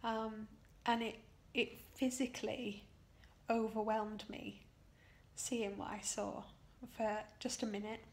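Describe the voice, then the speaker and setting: Weary, creaky-voiced British woman after surgery. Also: fairly high pitch, little pitch movement, darkish tone. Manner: halting, emotional, emphatic on key words. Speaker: patient recounting her own surgery. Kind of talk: personal video diary, recounting an experience.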